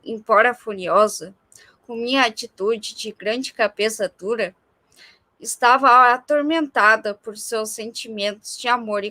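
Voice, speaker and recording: A woman on a livestream slowly reading a religious text aloud in a measured, careful way. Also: fairly high pitch, sharp tone, no room sound. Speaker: reader on a livestream.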